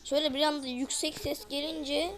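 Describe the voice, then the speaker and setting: A woman's voice: sits high, steady tone, brisk. A woman hosting a horror game let's play, talking to her viewers and crying out whenever the game startles her. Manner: jumpy, cries out when startled, keeps addressing viewers. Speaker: gaming channel host.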